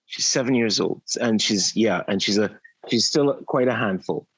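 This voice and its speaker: This husky, fairly low male voice moves at a normal speed. He co-hosts a podcast with a Trinidadian accent from Trinidad and Tobago, chatting in a talkative, casual way. The podcast audio is muffled and lo-fi.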